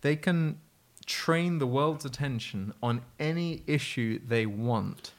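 A man's voice: mid-range voice, takes it slowly. A man hosting a casual podcast over drinks, opinionated and rambling, often trailing off and repeating words. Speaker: podcast host. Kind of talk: casual drunk chat.

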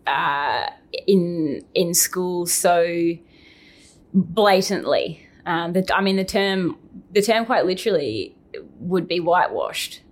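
A young woman, a guest, answering in a halting way while she searches for words. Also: lowish voice, animated. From Australia. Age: young adult. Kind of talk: casual chat.

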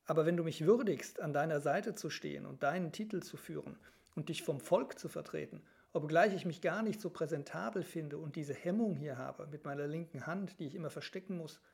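A man's voice: on the high side, brisk, gravelly, darkish tone. A man reading a humble young prince. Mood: humble earnest. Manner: humble, earnest, deferential. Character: modest dutiful young prince, younger brother.

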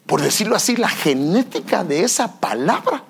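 Male pastor teaching a sermon, gravelly and husky, pitch leaping around, stumbles and restarts. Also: moderate pace. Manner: lively, with many restarts and repeated phrases; explains step by step, often saying "fíjese".

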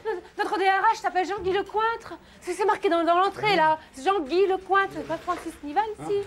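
Une actrice joue une réceptionniste guindée et troublée, qui bafouille. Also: female voice, extremely high pitch, moderate pace, slight background noise. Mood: stammering. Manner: stammering. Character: flustered, prim office receptionist woman.

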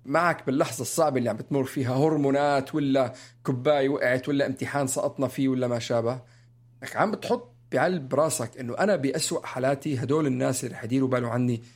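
A talkative young man, co-hosting a casual podcast and telling personal stories in an animated way. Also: rapid-fire. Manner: animated, chatty, jumps up in pitch when stressing points. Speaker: podcast co-host.

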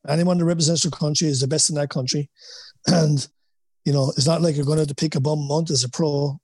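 An Irishman speaks in a Wexford accent, his voice sitting a little high and recorded fairly dry. He talks as a coach in an interview, conversational and anecdotal, restating points for emphasis and often dropping in "you know". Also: steady tone, quick pace, a little mellow, husky, dry recording. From Wexford, Ireland. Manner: peppers talk with "you know", emphatic repetition. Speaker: boxing coach, former boxer.

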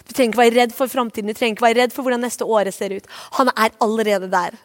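A woman's voice: a little high, fairly even intonation. A woman pastor preaching in an earnest, heartfelt way. She repeats short phrases to drive her points home and moves into spoken prayer. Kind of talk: sermon.

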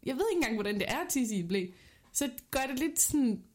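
A woman's voice: a little high, animated. A woman, telling stories as a podcast co-host in a candid, self-mocking, colloquial way. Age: 30s. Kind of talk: casual confessional chat and storytelling.

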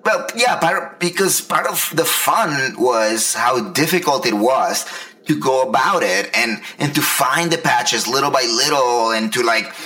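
A man's voice: mid-range voice, lively intonation, unhurried, sharp tone, rough recording. A man in his early forties telling stories in a casual, slangy, profane way as a podcast host. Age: early 40s. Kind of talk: casual anecdotal storytelling.

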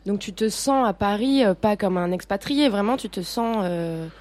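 A woman's voice: mid-range voice, animated, moderate pace, darkish tone. A woman hosting a radio interview, asking questions and leading the talk.

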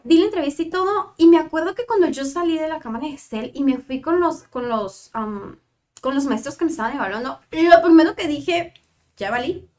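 A woman's voice: sits high, animated, brisk, darkish tone. A young Mexican woman, a psychologist, telling a personal story in a casual interview and acting out remembered dialogue with animation. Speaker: psychologist guest.

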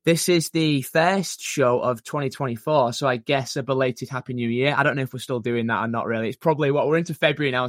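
A man hosting a podcast interview, talking in a relaxed, chatty way with many fillers. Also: medium pitch, no room sound, studio quality. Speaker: podcast host.

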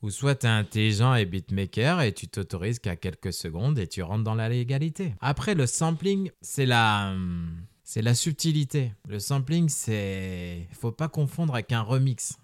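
Male podcast host, casual explainer, halting with lots of fillers, dry close sound. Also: mid-range voice, no room sound. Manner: hesitant, many filler sounds and restarts; relaxed, conversational.

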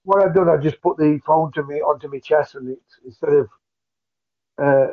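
Male caller heard over a muffled phone line, earnest, repeats himself, voice a bit high. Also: moderate pace. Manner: earnest, repeats and restarts phrases. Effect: heard over a phone call. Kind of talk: casual call-in chat.

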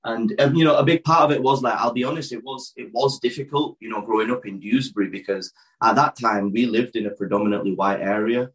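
A man's voice: medium pitch, fast, fairly bright tone, poor audio. A man in his thirties, born in Pakistan and raised in the north of England, with Urdu as his first language, telling his life story as a wrestler guest in a casual interview, open and rambling with many restarts. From born in Pakistan, raised in West Yorkshire. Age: 30s.

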